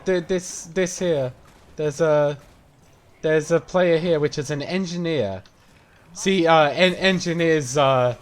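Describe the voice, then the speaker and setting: Man streaming a game, fairly high voice, casual and rambling, swears a lot. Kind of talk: gameplay commentary.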